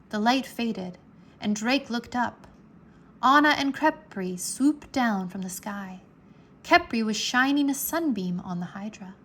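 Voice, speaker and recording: In a medium-pitched voice, a woman tells a children's adventure tale with dramatic, expressive, and carefully paced delivery. A faint hiss or hum sits under the recording.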